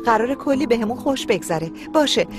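A woman's voice: a little high, animated, over music, natural voice. A woman dubbing a curious, scheming young woman. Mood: nosy.

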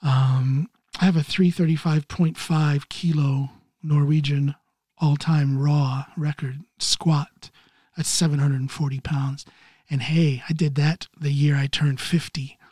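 A man in his early fifties from Ohio, hosting a solo podcast while recovering from neck surgery, talking haltingly and clearing his throat often. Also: a little high, fairly even intonation, darkish tone, no room sound, clean studio sound. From Ohio, USA. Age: 50s. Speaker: podcast host. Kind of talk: casual solo podcast monologue.

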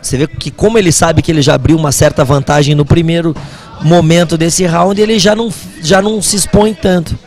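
A man's voice: a little high, fairly even intonation, brisk, a little mellow, faint music behind. A Brazilian man giving live kickboxing commentary as a fight commentator.

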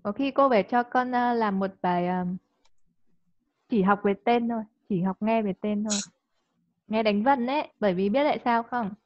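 A woman's voice: on the high side, no echo. A woman, tutoring a student over a video call. She talks in a coaxing way and keeps checking in with short "right?" and "yes or no?" questions. The sound is dry and a little dull, like lo-fi call audio. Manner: coaxing, checks understanding with quick tag questions. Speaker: online English teacher. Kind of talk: live online tutoring.

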